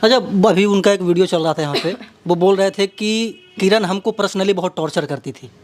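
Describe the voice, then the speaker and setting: Soft music plays behind this local media interviewer, a Bihari-accented man whose high voice moves fairly quickly. He introduces the piece with narration and questions his subject dramatically, repeating himself often.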